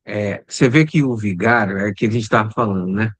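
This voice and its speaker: A man's voice: on the low side, a little fast, husky, no room sound. A man leading a casual spiritual study discussion, talking conversationally and often checking in with his listeners. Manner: conversational, repeats "né?" and "entendeu?", trails off quietly. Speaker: study group leader.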